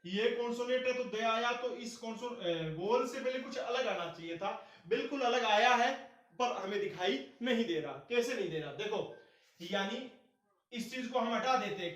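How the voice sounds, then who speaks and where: A man's voice: sits high, fairly bright tone. A man teaching English grammar in a classroom-style lesson. He keeps asking questions and answering them himself, and he repeats the key points. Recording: echoey room, distant from the mic.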